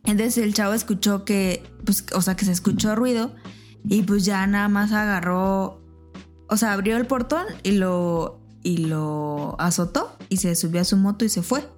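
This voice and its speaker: A woman's voice: medium pitch, normal speed, faint music behind. Mexican woman telling a story animatedly. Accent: Mexican Spanish. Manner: animated, acts out voices in her anecdote. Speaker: podcast co-host. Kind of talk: casual storytelling chat.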